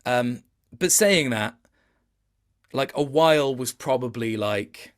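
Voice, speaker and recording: Guesting on an interview, a man who voices video game characters speaks slowly in a medium-pitched voice. The conversation is casual, and he comes across as reflective, somewhat hesitant and mildly self-deprecating.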